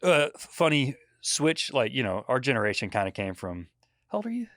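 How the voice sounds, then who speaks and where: A man's voice: medium pitch, big pitch swings, brisk, a bit bright, dry recording, clean studio sound. A man in his forties, a podcast guest chatting casually, who tells rambling stories and laughs often. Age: 40s. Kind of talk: casual chat.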